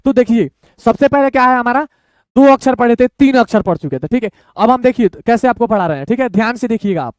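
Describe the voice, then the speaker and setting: Male online teacher, very high and clear voice, dry close sound, patient syllable-by-syllable drilling. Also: expressive, no echo. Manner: slow, patient, breaks words into syllables, repeats "thik hai". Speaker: Hindi reading teacher. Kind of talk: online lesson, syllable-by-syllable reading.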